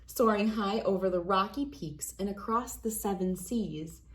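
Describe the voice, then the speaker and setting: Reading a children's picture book aloud as host, a woman uses expressive, deliberate storytelling phrasing in a medium-pitched voice.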